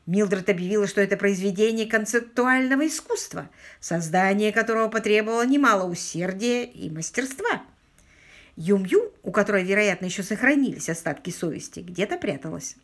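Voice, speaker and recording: A woman narrating an audiobook with expressive storytelling. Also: medium pitch, fairly quick. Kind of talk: scripted narration.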